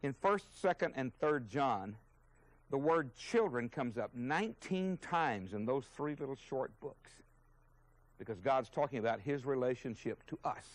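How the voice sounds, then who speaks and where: A man's voice: mid-range voice, lively intonation, measured pace, dry recording, low-quality recording. A man teaching a sermon as a Bible teacher, earnest and emphatic, openly indignant at his subject.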